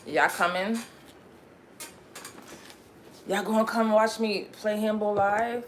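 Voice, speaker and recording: A young woman raised in Connecticut talks loosely to her livestream viewers, drifting from one thought to the next in a slangy, rambling way. She laughs easily, and her voice sits in an ordinary middle pitch over a faint hum of background noise. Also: fairly even intonation, normal speed. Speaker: livestream host. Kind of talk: casual livestream chat.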